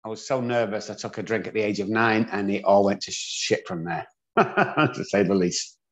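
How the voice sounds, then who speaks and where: A man's voice: fairly low pitch, moderate pace. A man from England with an English accent, a guest telling his own story in a candid, self-deprecating way. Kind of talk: storytelling interview. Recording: dull lo-fi audio.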